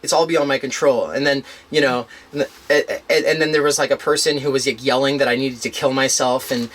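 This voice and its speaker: A man telling a long personal story in casual conversation, rambling with restarts and fillers, animated as he retells events. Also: mid-range voice, a little fast. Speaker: interviewee.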